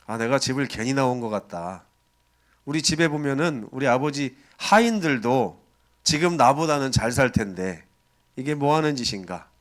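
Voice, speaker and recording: A man's voice: mid-range voice, lively intonation, normal speed, natural voice. A man voicing an ashamed younger son who pleads humbly to return home. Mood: regretful.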